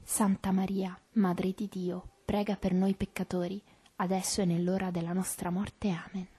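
A woman leading a recited rosary prayer in a soft, even, devotional way. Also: lowish voice, normal speed, husky. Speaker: prayer leader.

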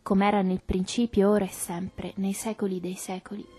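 A woman leading a recited rosary prayer in a soft, even, devotional way. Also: medium pitch, moderate pace, soft background music. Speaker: prayer leader.

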